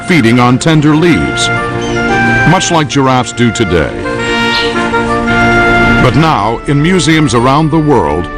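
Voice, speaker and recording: Lively male nature documentary narrator. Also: medium pitch, slow, long pauses, loud music behind the voice.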